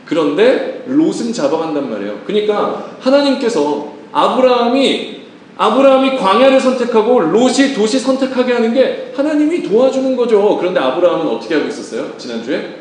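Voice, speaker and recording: Lively male preacher, high and very expressive voice, heard from a distance in a booming room; good for a humorous sermon. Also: a little fast, very echoey, slight background noise. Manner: animated, joking, asks the congregation questions. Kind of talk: lively sermon with acted-out quotes.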